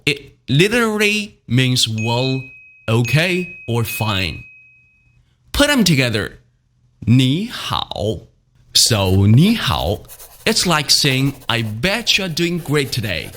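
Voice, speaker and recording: A man teaching a beginner language lesson, speaking slowly and having listeners repeat after him. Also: medium pitch, very animated, sharp tone, slight background noise. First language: Mandarin Chinese. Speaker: Mandarin teacher and channel host.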